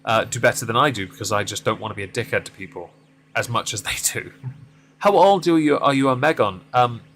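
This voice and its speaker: A man in his mid-thirties, deep-voiced with a brisk, fairly bright tone, chats casually with viewers while driving in a game on a live stream. He rambles and pokes fun at himself.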